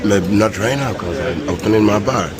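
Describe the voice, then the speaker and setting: Man, bar owner and musician, rather low voice, playful and excitable, broken English. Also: normal speed, a crowd in the background. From France. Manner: playful, excitable, mixes in French. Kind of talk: casual chat in broken English.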